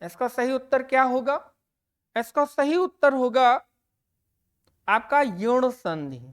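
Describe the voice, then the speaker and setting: A woman teacher walks students through an exam-prep grammar lesson, reading each question and its options. Her voice is smooth and clear, pitched a little high, and she goes slowly and deliberately, repeating every answer word to stress it. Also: animated.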